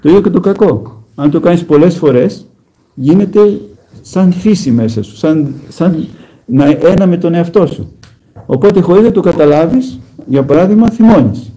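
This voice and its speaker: A man preaching a conversational sermon as an Orthodox monk, telling stories with gentle humor and speaking straight to his listeners. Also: fairly high pitch, lively intonation, rough recording. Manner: plain storytelling with gentle humor; emphatic direct address to listeners.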